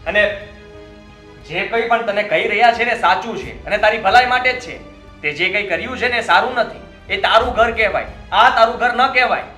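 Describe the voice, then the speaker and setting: A man playing a calm, fair-minded husband. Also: on the high side, normal speed, faint music behind. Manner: reasoning, gently firm. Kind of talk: family drama acting.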